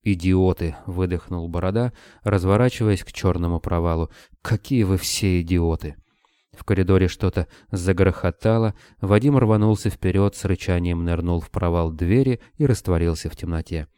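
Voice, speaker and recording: A man narrating an audiobook in a steady, measured reading. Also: sits low, clean tone, no room sound, studio quality.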